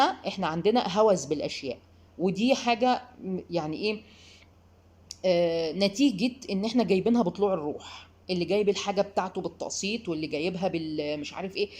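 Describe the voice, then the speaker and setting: A woman with an Egyptian accent giving parenting advice, talking straight to the listener and acting out quotes. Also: medium pitch. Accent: Egyptian Arabic. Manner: animated, addresses the listener directly, acts out quotes. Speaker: parenting advisor. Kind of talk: advice talk to mothers.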